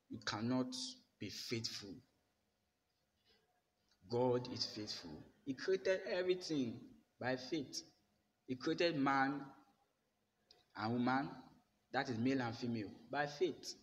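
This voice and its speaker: Young man preaching slowly into a phone. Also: medium pitch, a bit bright. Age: young adult. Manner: emphatic, repetitive declarations, slow deliberate delivery. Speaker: pastor. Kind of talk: preaching sermon to camera. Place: bare indoor room with plain walls. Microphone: phone held at arm's length. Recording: phone recording with long reverb and faint room noise.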